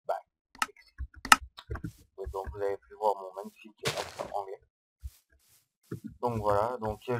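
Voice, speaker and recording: Man, slightly low voice, hesitant gameplay commentary, cheap microphone, faint background hiss. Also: poor audio. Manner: hesitant, rambling, explaining step by step. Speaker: Minecraft let's-player. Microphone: low-quality microphone.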